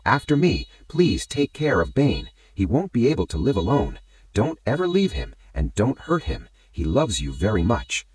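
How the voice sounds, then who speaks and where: A man's voice: mid-range voice, dry recording, low-quality recording. A man voicing a loving mother's tender, pleading message to her daughter within a movie recap.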